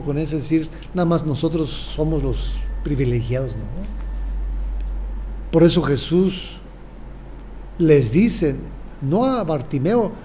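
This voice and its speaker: An older man, a bishop with a Mexican Spanish accent, preaching a sermon in a slow, measured way and repeating his phrases. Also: on the high side, warm tone, a little hiss or hum.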